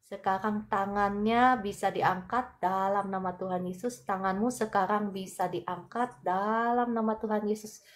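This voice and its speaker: A woman's voice: mid-range voice, steady tone, a little slow. Woman, healing-prayer minister on a phone livestream, fervent and repetitive. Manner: fervent, repetitive prayer chanting with soft asides. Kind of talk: live-streamed healing prayer. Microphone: phone for a live stream.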